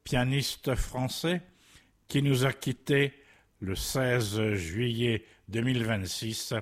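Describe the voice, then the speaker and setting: A male radio presenter introducing the next recording. His pitch sits in the middle range, and he speaks slowly and deliberately, giving every name its space. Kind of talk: announcing music tracks.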